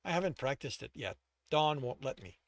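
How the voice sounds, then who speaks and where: A man's voice: mid-range voice, expressive, normal speed, no room sound, clean studio sound, natural voice. A man voicing a blunt young dungeon runner. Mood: matter-of-fact.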